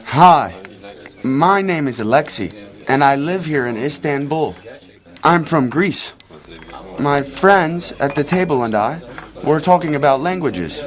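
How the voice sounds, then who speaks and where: A friendly young man, slightly high voice. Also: animated. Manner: clear, slow, carefully spoken. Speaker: lesson dialogue character. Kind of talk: scripted dialogue for English learners.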